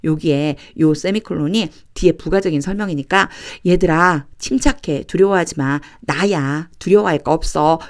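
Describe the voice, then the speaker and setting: A woman teaching a lesson on reading the English Bible, explaining grammar patiently and reading verses aloud slowly, phrase by phrase. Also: deep voice. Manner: patient, repeats and breaks sentences into chunks; reads English lines very slowly and deliberately.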